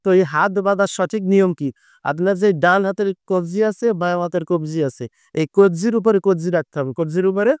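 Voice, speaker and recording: A man's voice: high voice, fairly quick, a little mellow, smooth, no room sound. A male preacher, teaching prayer step by step and asking and answering his own questions. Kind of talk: instructional sermon on prayer.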